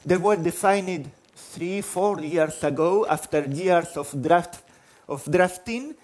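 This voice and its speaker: A high-pitched man's voice with a darkish tone comes from a conference speaker on a large hall stage. He's in his forties, from Spain, and speaks with a Spanish accent, restarting phrases and making self-deprecating remarks.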